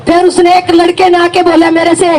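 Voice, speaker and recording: A woman's voice: very high voice, completely flat delivery, brisk, a faint crowd, rough recording. A middle-aged woman with a Haryanvi accent gives an emphatic first-person account of joining a protest, her voice rising at times. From Haryana, India. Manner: emphatic, rises to shouting when retelling. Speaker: farmer protest supporter.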